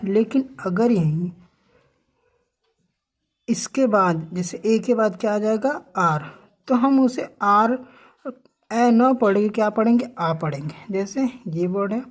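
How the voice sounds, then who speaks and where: Woman, teacher, unhurried, mid pitch, spells words out, answers her own questions. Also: a little mellow. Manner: asks questions, then answers them herself; repeats "ठीक है" often. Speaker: English teacher. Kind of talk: slow classroom explanation with questions.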